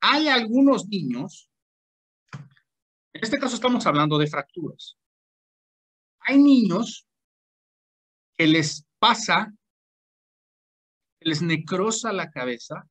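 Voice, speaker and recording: Mexican guy doctor giving a lecture, chatty and loose, keeps asking the class if they get it, voice a bit high. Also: a bit bright. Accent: Mexican Spanish. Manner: colloquial, asks the class frequent check questions. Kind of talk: informal medical lecture.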